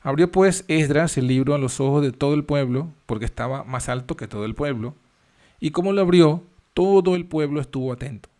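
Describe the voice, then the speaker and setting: A man teaching a Bible study, reading verses aloud and then explaining them with frequent pauses and fillers. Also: fairly high pitch, warm tone.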